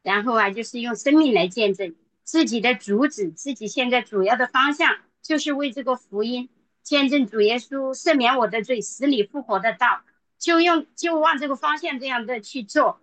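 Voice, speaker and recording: Woman, bright sharp tone, fairly high voice, halting church testimony, dry close sound. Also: no echo, low-quality recording. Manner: halting, with many fillers. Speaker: church member sharing testimony. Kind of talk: testimony sharing in a Bible study group.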